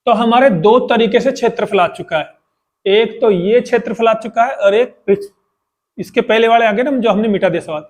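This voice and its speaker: A man with a fairly high voice teaches a math lesson at the board. He walks through each step patiently and repeats it. He keeps asking his students questions as he goes. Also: normal speed. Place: classroom with boards.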